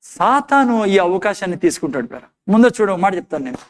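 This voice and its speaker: Man, pastor, high voice, emphatic sermon, rhetorical questions. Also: very animated, brisk. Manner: emphatic preaching, repeated rhetorical questions, acted quotes in low despairing tones.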